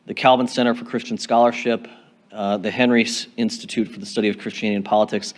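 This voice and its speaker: Guy moderating a conference, reads announcements, some ums, plain delivery. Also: mid-range voice. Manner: plain, slightly hesitant with fillers. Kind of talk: announcements and speaker introduction. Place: conference session room.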